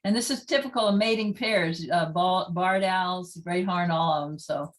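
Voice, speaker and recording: A woman's voice: lowish voice, moderate pace, poor audio. A woman giving a casual library presentation, chatty and enthusiastic, apologizing for small slips as she goes. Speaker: library talk presenter on owls. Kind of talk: casual presentation playing recordings.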